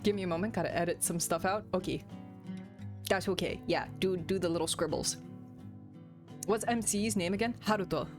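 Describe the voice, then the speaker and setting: A woman streamer with a fairly low voice reads a visual novel aloud at normal speed, leaving long pauses, while game music plays behind her. Between passages she jokes around with playful, giggly asides.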